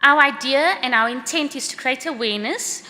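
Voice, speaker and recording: A middle-aged South African woman giving a prepared conference talk about a course she created, in a brisk, earnest, slightly read-out manner. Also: sits high, bright, forceful tone. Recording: long hall reverb.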